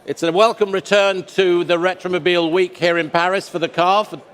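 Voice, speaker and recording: A man with a slightly high voice presents auction lots in measured, descriptive phrases. The sound carries the long reverb of a large indoor hall. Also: steady tone, a bit bright, clear, resonant tone. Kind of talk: semi-scripted lot presentation commentary.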